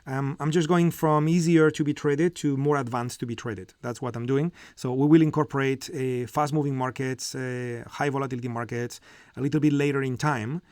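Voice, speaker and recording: In clean studio sound with no room noise, this middle-aged man speaks in a mid-range, darkish voice at a moderate pace and fairly even intonation. He hosts a live trading session, walking through each step, filling pauses often and checking in with "okay?" as he comments on the market.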